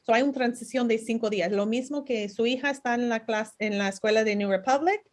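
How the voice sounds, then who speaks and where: Halting high-voiced woman interpreter. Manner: halting, searching for words. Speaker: interpreter at a town hall webinar. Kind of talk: consecutive interpreting in a public meeting.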